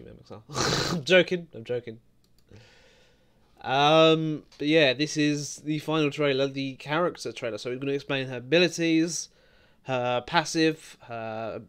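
A young British man giving casual, excitable reaction commentary on game trailers, swearing freely. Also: fairly high pitch, clear, resonant tone. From Britain. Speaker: gaming video host.

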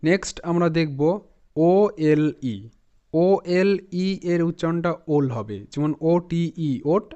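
A man with a Bengali accent teaching English reading, spelling words out letter by letter and repeating them slowly. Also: a little high, warm tone, clear, resonant tone. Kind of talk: spelling and pronunciation lesson. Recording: slightly dull lo-fi recording.

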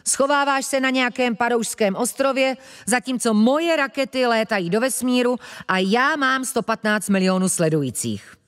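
A woman voicing a boastful, quick-tempered male tech inventor who snaps at his rival, in a children's audiobook. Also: medium pitch, animated, pitched above the performer's own voice, close to an everyday voice. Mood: snappy boastful. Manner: snappy, boastful. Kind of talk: audiobook character voice.

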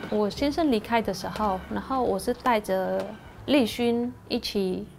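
A woman in her thirties from Cambodia, a university student, speaking softly and reflectively in a documentary interview. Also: mid-range voice, gravelly, background noise. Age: 30s. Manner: soft, reflective, halting. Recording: clean documentary audio with music underneath. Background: soft background music.

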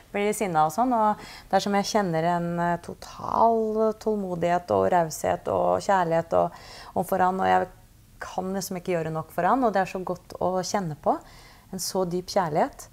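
A woman's voice: lowish voice, vocal fry, a little mellow. A woman client reflecting thoughtfully and hesitantly with fillers. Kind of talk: reflective conversation.

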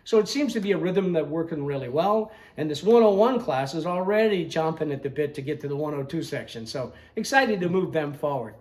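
An older man who owns a woodworking school walks through a large indoor shop, chatting casually and explaining things with little jokes as the interviewer films on a handheld camera. His slightly high voice is animated and a bit fast, with few pauses and a darkish tone.

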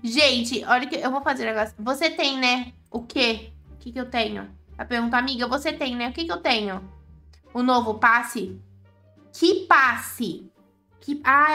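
A woman's voice: high-pitched, normal speed, pushed and bright, faint music behind. A woman with a Brazilian Portuguese accent giving chatty, exclaiming gameplay commentary to her viewers as the host of a gaming channel.

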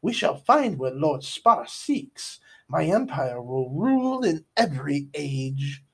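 A domineering sorceress princess from a storybook , voiced by a man, her voice pushed high and lofty. She draws out each threat slowly, cold and imperious, and her timbre sits apart from the plain narration. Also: sing-song, vocal fry, breathy edge, full character voice. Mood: commanding. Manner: slow, commanding, drawn-out threats.

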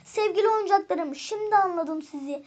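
A woman's voice: very high voice, a little fast, darkish tone, voice pushed up. A woman voicing a messy little boy in a storybook, whining and exclaiming. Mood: whiny.

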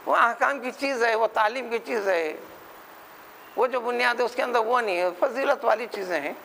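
A Hyderabadi-accented man delivers a religious lecture in a high voice with a gravelly edge. He drives his points home with rhetorical questions and quick mimicry of others. A faint hiss of room ambience sits behind him. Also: bright, forceful tone, low-quality recording. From India. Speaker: Quran scholar.

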